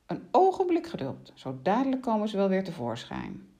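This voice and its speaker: A woman's voice: medium pitch, huge pitch swings, moderate pace, warm tone. A woman voicing a sly, bossy witch who coaxes and pushes in a mock-polite way. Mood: coaxing. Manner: coaxing, pushy, mock-polite.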